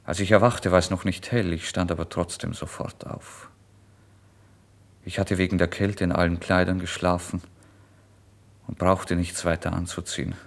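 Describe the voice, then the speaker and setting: Deep-voiced male literary narrator. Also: little pitch movement, gravelly. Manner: measured, dramatic first-person telling. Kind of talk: literary reading.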